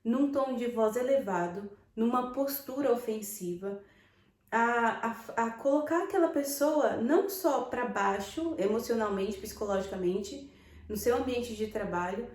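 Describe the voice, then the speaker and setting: A Brazilian woman with a Brazilian Portuguese accent, telling stories to camera in an animated, emphatic way and thinking aloud as she goes. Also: on the high side, a little slow. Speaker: vlogger. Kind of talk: casual storytelling to camera. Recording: roomy echo.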